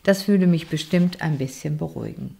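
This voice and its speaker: A woman reads her own children's storybook aloud in first person. Her voice sits somewhat low, and she tells it expressively, with whispered asides. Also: normal speed, gravelly, warm tone. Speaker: picture book author and reader.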